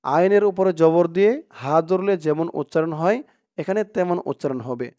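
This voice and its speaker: A man teaching Quran reading, spelling out letters and vowel marks one by one, then chanting the Arabic words in a drawn-out, louder voice. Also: fairly high pitch, dry recording, dull audio. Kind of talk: slow spelling-out recitation lesson.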